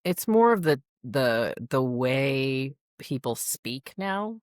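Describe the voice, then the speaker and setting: A middle-aged woman with a very deep voice is a guest in a casual podcast chat. She sounds wry and a bit crotchety, poking fun at herself as she grumbles. Her voice comes through dry and close to the mic. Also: big pitch swings, takes it slowly, no echo. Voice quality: deep voice, called sir on the phone. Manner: wry, grumbling, self-deprecating.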